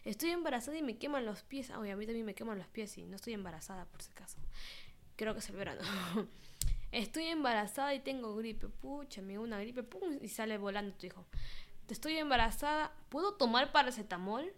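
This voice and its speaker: A woman's voice: fairly high pitch, lively intonation, brisk. A young woman, casually reading out search suggestions and adding playful, wry asides as a vlogger.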